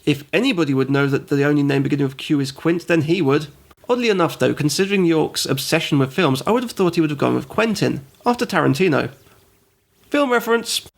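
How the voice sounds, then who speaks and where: Male host, gravelly voice, slightly high, dry sarcastic review narration with tangents. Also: quick pace. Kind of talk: comedic game review narration.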